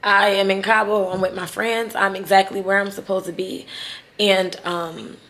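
A woman's voice: mid-range voice, level tone, moderate pace, a bit bright. A woman in her thirties vlogging casually to camera in an emotional, rambling way. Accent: Southern US. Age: 30s. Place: resort room. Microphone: phone or camera held to self.

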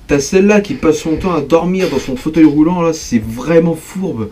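A man's voice: a little high, normal speed. Young guy gaming and freaking out, talks to his viewers, bit of hiss behind him. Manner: excitable, jumpy, talks straight to viewers. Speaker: gaming video creator. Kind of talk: let's play commentary.

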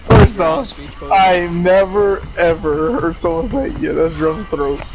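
A man's voice: a little high, takes it slowly, background noise. A man in casual gaming banter, joking and protesting to his friends. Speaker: gamer in a friend group.

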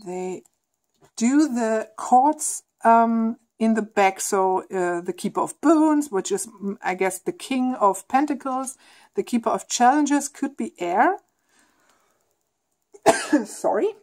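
A woman's voice: a little high, expressive, slow pace, a little mellow. Female host chatting through an unboxing, reads guidebook passages aloud, eager and effusive. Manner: enthusiastic, gushing over artwork. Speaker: tarot deck reviewer. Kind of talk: casual unboxing chat, reading aloud.

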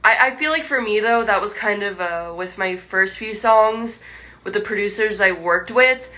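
A young woman livestreams by phone from home, chatting with fans in a rambling, laughing way packed with likes and restarts. Her mid-range voice comes across pushed and bright.

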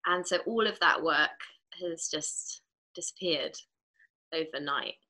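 A woman's voice: deep voice, slow pace, pushed and bright, poor audio. A woman with a Welsh accent, a theatre maker, talking earnestly on a video call from home. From Wales. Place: home room, indoors.

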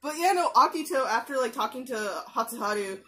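Talking into a gaming headset mic up close in her small bedroom, a young woman who makes anime reaction videos rambles loosely, stacking fillers, restarting sentences and tossing in quick asides. Her voice sits on the high side, fairly bright, with lively intonation.

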